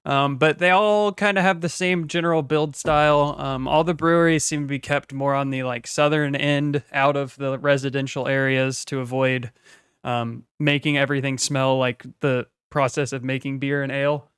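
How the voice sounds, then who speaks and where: A man narrating as game master of a tabletop game, relaxed and rambling, with many ums. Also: medium pitch, moderate pace, clear, resonant tone, no echo, studio quality.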